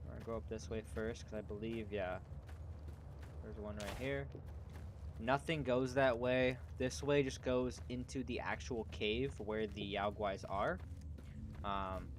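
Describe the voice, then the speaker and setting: A man's voice: on the low side, steady tone, unhurried. Man streaming over headset audio, noisy. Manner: rambling, thinks aloud while playing. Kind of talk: casual gaming livestream commentary. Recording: clear background noise.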